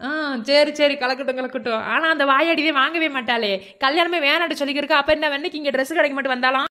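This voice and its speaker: Cartoon matron, Madurai accent, fast and high, scolds in jest, voiced by a woman. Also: bright, forceful tone, a little hiss or hum. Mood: teasing. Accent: Madurai Tamil. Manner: brisk scolding banter. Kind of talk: cartoon voice acting.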